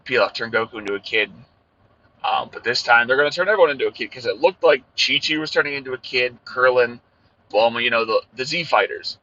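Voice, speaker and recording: A man talks loosely and rambles, with plenty of fillers. His voice is bright and forceful, but it comes through with a tinny, tin-can sound. The dull, lo-fi audio was recorded in a car while he drives. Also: mid-range voice, fast talker. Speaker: anime reviewer. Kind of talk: rambling casual episode review.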